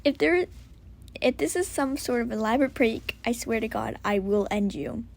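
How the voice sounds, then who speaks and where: A blunt, fiery woman firefighter, voiced by a woman reading aloud, sharp and loud with her friends. The voice is fairly high and runs gravelly at the bottom. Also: expressive, normal speed. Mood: exasperated.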